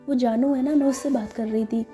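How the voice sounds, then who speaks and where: A woman's voice: sits high, steady tone, moderate pace, dark tone, faint music behind, natural voice. A woman voicing a cheerful young woman who coaxes and talks breezily. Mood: breezy. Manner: coaxing, casual.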